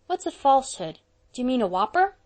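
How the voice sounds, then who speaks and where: A woman doing a high mischievous little boy. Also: big pitch swings, a little fast. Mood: cheeky. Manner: childish, plaintive, sobbing pleas. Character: remorseful six-year-old boy, mischievous and curious.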